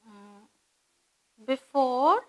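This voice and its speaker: A woman teaching a grammar lesson, slow and deliberate, spelling words out and asking rhetorical questions. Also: sits high, expressive, fairly bright tone, rough recording. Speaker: English teacher. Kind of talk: grammar lesson for exam students.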